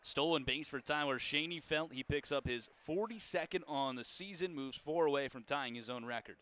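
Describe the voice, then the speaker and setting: A man calling baseball play-by-play in a folksy, joking way, and he gets loud when the big plays come. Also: on the high side, normal speed. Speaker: play-by-play announcer.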